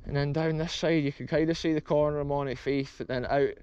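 An explorer vlogger, a Scottish man in his thirties, gives eager walking-tour commentary in an open field, addressing viewers as folks on a close-held action camera. His slightly high voice is brisk, clear and resonant, darkish and fairly even in intonation, though the audio sounds dull.

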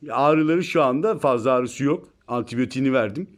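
A man's voice: mid-range voice, brisk. A man chatting casually to viewers about his cat in a home video, filmed on a phone indoors. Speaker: pet vlogger.

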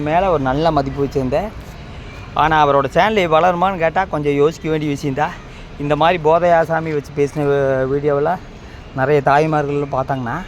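A man with a slightly high voice delivers opinionated channel commentary. He scolds and admonishes, circling back over the same points. There is some outdoor vehicle noise behind him. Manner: critical, admonishing, repetitive. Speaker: YouTube channel host.

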